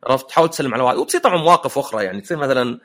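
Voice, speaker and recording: Quick, lively man. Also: medium pitch. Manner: anecdotal, joking storyteller. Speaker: podcast host. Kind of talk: casual podcast chat.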